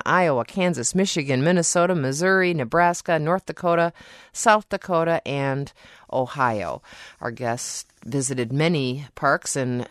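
A woman with a low-pitched voice hosts a radio call-in show, reading promos and introducing callers from a studio microphone. Her delivery is smooth and polished, with no echo.

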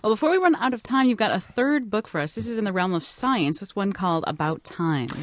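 A woman at a mid-range pitch hosts a radio book chat, steering the talk with wry, brisk questions. Her voice is dry and close to the mic. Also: lively intonation, no echo. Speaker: radio host. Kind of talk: radio interview.

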